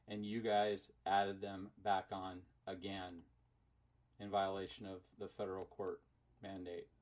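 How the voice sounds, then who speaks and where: A man's voice: fairly low pitch, darkish tone. Insistent man calling to dispute something. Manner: insistent, repeats words, talks over others. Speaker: caller disputing debts. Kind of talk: confrontational phone call.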